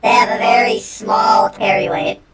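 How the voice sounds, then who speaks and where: A woman's voice: a little high, a little slow. A woman game streamer giving casual commentary as she plays and reads game text aloud. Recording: echoey room, faint game music behind.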